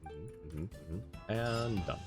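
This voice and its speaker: A deep-voiced man speaks at a slow pace while hosting a gaming livestream, rambling casually and thinking out loud. Behind him are the game's music and character voices.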